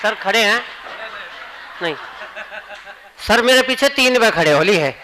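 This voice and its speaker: High bright-voiced Haryanvi comic poet. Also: male voice, expressive, measured pace, a little hiss or hum, poor audio. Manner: joking, chatty asides to the audience. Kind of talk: humorous poetry recital. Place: college hall at a poetry gathering.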